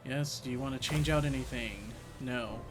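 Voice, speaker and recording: A man's voice: mid-range voice, moderate pace. A man streaming a video game with casual live commentary, thinking aloud in short reactions. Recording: music behind the voice.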